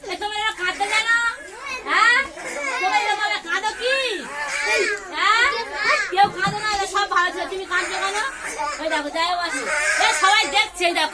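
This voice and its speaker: A woman teacher in a busy classroom, coaxing and scolding a crying child with repeated commands. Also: very high-pitched. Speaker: school teacher. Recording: loud classroom crowd noise. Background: children crying and chattering.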